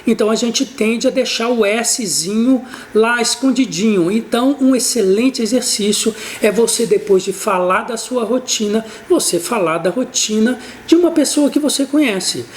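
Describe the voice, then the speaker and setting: A woman with a Brazilian Portuguese accent teaching an English lesson, explaining patiently and saying English examples slowly and carefully. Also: fairly high pitch, expressive, darkish tone.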